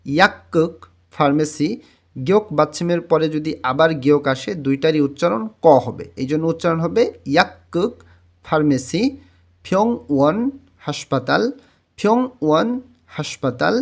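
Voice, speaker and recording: Guy teaching words, says each one twice slow, kinda high voice. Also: animated, creaky. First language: Bengali. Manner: repeats each word twice, slow and drawn out. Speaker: Korean language teacher. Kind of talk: textbook vocabulary lesson.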